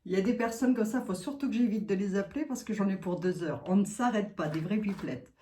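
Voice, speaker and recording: Talking fast in a mellow, mid-range voice, a psychic reader addresses her viewers in a flustered, casual way, frequently laughing between lines. There's a little hiss or hum, and the room echoes.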